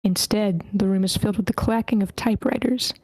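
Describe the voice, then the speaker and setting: A woman reading a screenplay's scene directions aloud at an online table read, steady but stumbling over character names. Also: medium pitch, a little fast, breathy edge, no echo. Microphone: computer mic in an online meeting.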